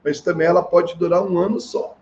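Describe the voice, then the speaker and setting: A man's voice: high-pitched, fairly even intonation, brisk, darkish tone. A middle-aged man, a family therapist telling stories in an earnest seminar talk and acting out the dialogue. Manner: earnest, acts out quoted dialogue. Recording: slightly dull with faint hiss.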